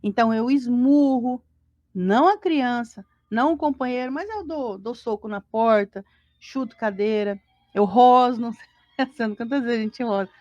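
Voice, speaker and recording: A woman's voice: on the high side, measured pace, darkish tone, dry recording, muffled recording. A Brazilian woman co-hosting a spiritist gospel study from home, teaching in a conversational way, asking the listeners rhetorical questions and acting out little everyday scenes. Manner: acts out everyday voices and sighs of dismay. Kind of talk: informal spiritual teaching talk on a live stream.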